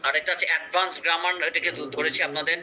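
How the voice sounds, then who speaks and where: A man's voice: on the high side, steady tone, racing, noisy background. A man teaching an online English pronunciation class in a conversational way, often checking in with his students.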